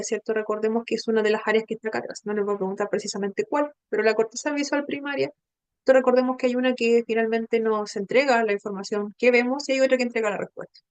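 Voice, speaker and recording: A woman's voice: on the high side, clean tone, no echo. A woman teaching a training class, explaining patiently and checking in often with her listeners. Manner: patient, explanatory, checks in with frequent tag questions.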